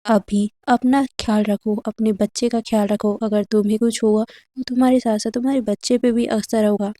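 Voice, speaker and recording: A woman's voice: fairly high pitch, level tone, moderate pace, mellow, dry recording, natural voice. A woman voicing a pushy, scheming male college professor who insists and talks over objections. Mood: insistent. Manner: insistent, overbearing.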